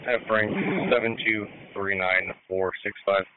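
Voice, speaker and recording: A police officer calling in over the radio in clipped codes and numbers. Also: male voice, lowish voice, flat delivery, a little slow, smooth, no room sound. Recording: tinny dry radio transmission.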